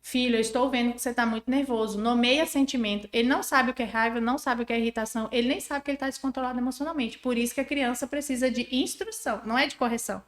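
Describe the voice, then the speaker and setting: Animated woman explaining in an echoey room. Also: a little high, very fast, few pauses. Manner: didactic, animated, acts out examples. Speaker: parenting educator, podcast guest. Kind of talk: explanatory podcast conversation.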